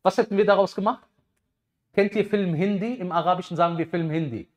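A man in his thirties giving a lively sermon on a headset mic, swinging between loud bursts and quiet asides. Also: high voice, a little fast. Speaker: preacher.

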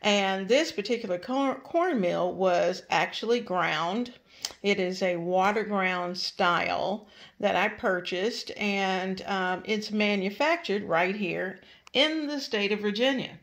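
A woman's voice: medium pitch, slow. Chatty older woman sharing home advice. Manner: warm, chatty, homespun advice with grateful asides. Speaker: cooking channel host. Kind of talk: casual home vlog chat. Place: home kitchen and dining room, indoors.

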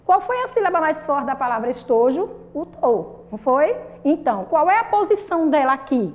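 Woman, Brazilian Portuguese accent, primary school teacher, high voice, patient, quizzing the class. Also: very animated, a little mellow. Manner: patient, repeats and asks the class questions, drawn-out sung syllables. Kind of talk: recorded classroom lesson for children.

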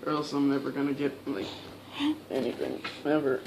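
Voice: medium pitch, little pitch movement, fairly quick, vocal fry, noisy background. Groaning young vlogger speaking through hand. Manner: groaning, disgusted exclamations. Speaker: vlogger doing a taste challenge. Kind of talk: casual chat on camera.

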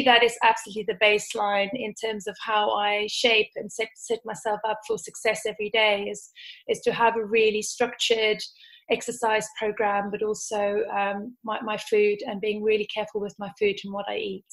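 A woman from South Africa with a South African accent, a coach speaking calmly as a podcast guest. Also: medium pitch, low-quality recording. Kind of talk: podcast interview.

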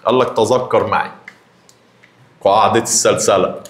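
A young man with an Egyptian Arabic accent, a math teacher giving a lively lesson and teasing his students directly. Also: fairly low pitch, moderate pace, echoey room.

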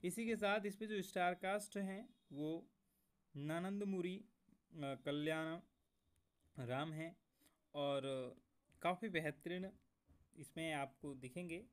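A man with a somewhat raised pitch narrates a movie review video for his channel. He speaks casually, repeatedly calling his viewers friends. He often stops mid-sentence with short fillers before going on. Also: smooth. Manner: keeps addressing viewers as friends, halting with fillers.

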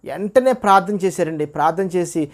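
A man's voice: high voice, lively intonation, a little fast. A man telling his personal religious testimony, acting out what others said. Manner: earnest storytelling, acts out quoted dialogue. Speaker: testimony speaker.

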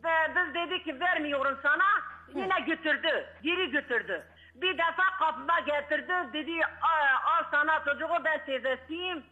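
A woman's voice: high voice, normal speed, sharp tone. An older woman calling in to a talk show by phone, insistent and repeating herself. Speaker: caller on phone line. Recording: muffled phone line.

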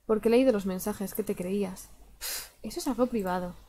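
A woman's voice: medium pitch, fairly quick, mellow, close to an everyday voice. A woman reading out the lines of a cocky young male hacker friend in a plain, teasing voice. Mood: matter-of-fact.

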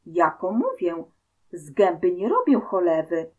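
A woman's voice: lowish voice, wildly swooping pitch, measured pace, darkish tone, husky, lo-fi sound, full character voice. Woman playing a scheming devil foreman. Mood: wheedling. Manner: wheedling, sly. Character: scheming male devil disguised as mine foreman.

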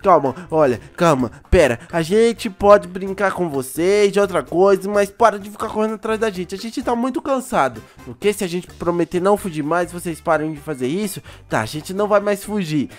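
A man with a Brazilian accent doing a Minecraft role-play as a gaming YouTuber, excitable and full of exclamations and sighs. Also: sits high, normal speed, hardly any pauses, soft background music.

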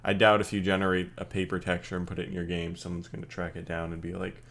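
A man's voice: deep voice, level tone, quick pace, vocal fry, a bit bright. A young man co-hosting a podcast in casual chat, rambling and acting out his own thoughts as he talks. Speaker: podcast co-host, game developer.

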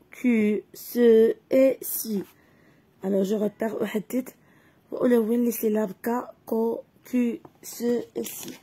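A woman's voice: on the high side, dark tone, husky. A woman with a Moroccan accent teaching a reading lesson for children, carefully sounding out syllables and words one by one. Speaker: primary school teacher.

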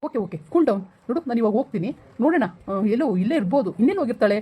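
A woman's voice: a little high, lively intonation, racing, husky, highs cut off. A woman playing a firm, scolding husband who mixes in English, in a family drama skit.

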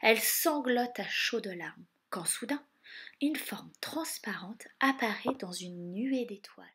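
A woman reading an animated storybook aloud for children, narrating in a hushed, whispery way with lively bursts. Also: medium pitch, takes it slowly, breathy edge.

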